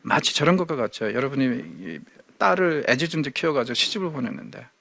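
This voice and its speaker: A man's voice: fairly high pitch, expressive, fast, vocal fry, pushed and bright, no room sound. A man giving a Bible lecture, asking his listeners rhetorical questions and acting out quoted speech. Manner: asks the audience rhetorical questions; acts out quoted speech vividly.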